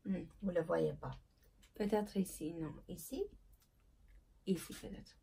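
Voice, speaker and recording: A woman's voice: fairly low pitch, slow pace, creaky, warm tone, husky. A woman teacher giving a casual video lesson, hesitant with fillers and checking in with "ok?" after nearly every phrase. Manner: hesitant, with many filler sounds. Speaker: English teacher.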